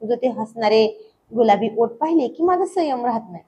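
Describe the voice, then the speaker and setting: A woman's voice: a little high, expressive, normal speed, mellow, lo-fi sound, a little hiss or hum, natural voice. A lovestruck teasing young husband, as a woman reads him. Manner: playful scolding, affectionate.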